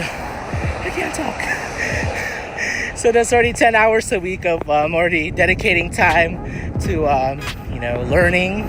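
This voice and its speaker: A man's voice: high voice, rough recording. A man chatting casually as a vlogger, giving earnest, encouraging advice and rambling as he searches for words. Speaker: vlogger answering viewer questions.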